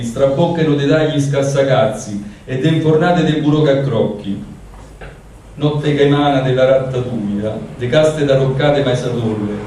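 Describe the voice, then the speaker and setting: A man's voice: mid-range voice, darkish tone. Echoey, distant Roman-accented man reciting poetry. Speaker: poet reading own dialect verse. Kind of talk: poetry recitation at a public reading. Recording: echoey room, distant mic, noisy.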